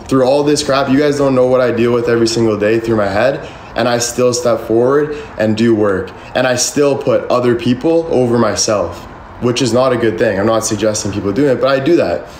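A man's voice: medium pitch, darkish tone, a little hiss or hum. A man in his twenties venting on a livestream, rambling, defensive and emphatic, swearing freely, filmed on a phone in his bedroom. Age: 20s. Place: bedroom with ceiling fan, indoors. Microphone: phone camera at arm's length. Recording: echoey room.

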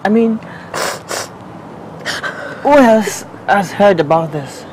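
A man's voice: high voice, lively intonation, slow pace, a little mellow, a little hiss or hum, rough recording. An actor playing a hypocritical young churchman who stammers and talks his way around things. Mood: anxious, flustered. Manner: stammering, evasive, persuasive. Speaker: actor in a gospel film. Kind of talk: film drama acting. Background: background film music.

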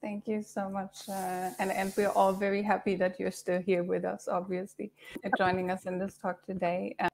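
A woman in her thirties hosting a panel discussion over a video call, soft-spoken and halting, with many restarts. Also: mid-range voice, flat delivery, vocal fry. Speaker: host.

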